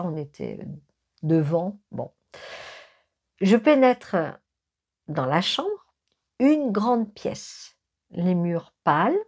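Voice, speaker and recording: A woman recounting her own haunted-house experience as a medium, in slow personal storytelling with many fillers, self-corrections and dramatic pauses, dropping to a hush when she quotes whispers. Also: mid-range voice.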